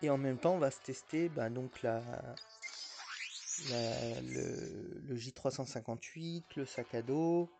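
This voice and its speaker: Gravelly-voiced man chatting over gameplay. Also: mid-range voice, a little slow, dark tone, faint music behind. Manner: chatty, rambling, with frequent hesitations and restarts. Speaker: mobile gaming YouTuber. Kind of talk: casual gameplay commentary.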